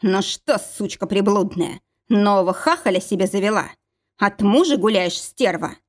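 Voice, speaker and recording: A woman's voice: mid-range voice, lively intonation, normal speed, close to an everyday voice. Woman doing a growling young male thug. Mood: menacing. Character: big hulking young male thug, menacing.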